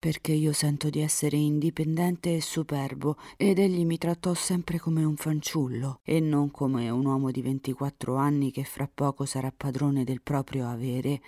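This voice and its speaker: A proud young count of twenty-four, earnest and sincere, read by a woman storyteller. The voice stays low and mellow, dropping at times to a hush. The recording is dry and close. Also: no room sound. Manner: earnest, sometimes hushed to a whisper.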